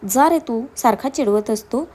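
A woman's voice: on the high side, moderate pace, a little mellow, close to an everyday voice. Woman voicing a feisty young bride. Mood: mock-angry. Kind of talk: storybook narration.

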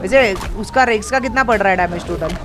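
A man with an Indian accent hosting a multiplayer gameplay video, excitedly hyping a raid and making playful sound effects. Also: high-pitched, fast, noisy background. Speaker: gaming channel host. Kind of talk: live multiplayer gameplay chat.

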